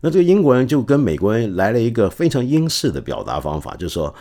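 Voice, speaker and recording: A middle-aged man hosting a podcast, telling stories in a casual, animated way and acting out the quotes. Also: mid-range voice, quick pace. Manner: animated, acts out quotes with laughs. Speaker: podcast host. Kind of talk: casual storytelling talk.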